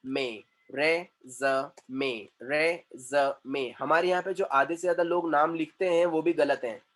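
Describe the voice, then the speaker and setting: A man gives an English pronunciation lesson in a high, bright voice. He is emphatic and drills words by saying them over and over. He slips back and forth between Hindi and English as he explains. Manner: switches between Hindi and English mid-sentence. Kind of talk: classroom-style lesson.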